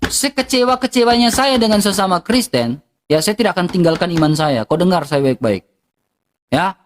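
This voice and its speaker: A woman's voice: on the low side, lively intonation, normal speed, slight background noise. A woman with an eastern Indonesian accent, ranting heatedly and bluntly to her livestream viewers, repeating herself for emphasis.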